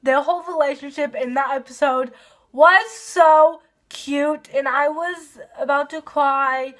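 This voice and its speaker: A woman doing a casual video review of a TV episode, gushing and excitable, with lots of fillers. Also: high voice, measured pace.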